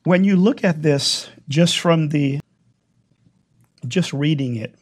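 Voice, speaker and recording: A man leading prayer and preaching a sermon, his voice hoarse while it recovers, given to emphatic repetition. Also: a little high, slow. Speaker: congregation leader.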